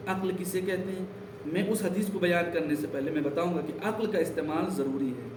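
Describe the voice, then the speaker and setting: A man's voice: high-pitched, noisy background. Man teaching a religious class, echoey. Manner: explanatory, emphatic storytelling. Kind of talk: religious lesson with storytelling. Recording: roomy echo, distant mic.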